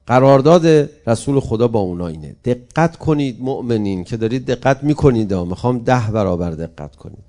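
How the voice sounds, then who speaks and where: A man's voice: mid-range voice, animated, mellow. A male preacher giving an emphatic sermon, speaking directly to his congregation and moving into a mourning recitation.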